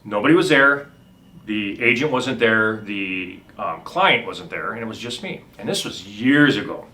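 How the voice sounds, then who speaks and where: A man's voice: lowish voice, expressive, a little slow, bright, forceful tone, slight background noise. A middle-aged man, a home inspector, telling rambling anecdotes with lots of ums and restarts in a casual chat. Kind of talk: casual storytelling.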